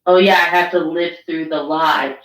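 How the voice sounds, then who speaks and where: A woman co-hosting a casual podcast, rambling and crude in animated banter. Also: low-pitched, normal speed. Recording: roomy echo.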